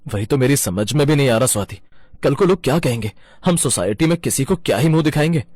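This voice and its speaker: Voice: medium pitch, expressive, fast, a little mellow, no echo, natural voice. A performer voicing an earnest, worried husband in a cartoon. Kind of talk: cartoon voice acting.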